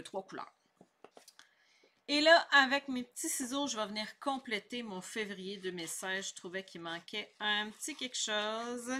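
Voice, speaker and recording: A woman's voice: mid-range voice, sharp tone. A middle-aged woman with a Québécois French accent, giving a chatty, upbeat scrapbooking tutorial and explaining each step. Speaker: scrapbooking instructor. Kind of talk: casual craft tutorial.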